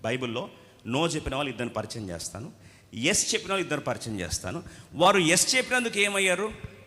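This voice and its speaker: A man preaching a sermon, lively, asking the congregation rhetorical questions and acting out the voices of others. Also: on the high side, quick pace. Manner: animated, rhetorical questions, acts out quoted voices. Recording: long hall reverb.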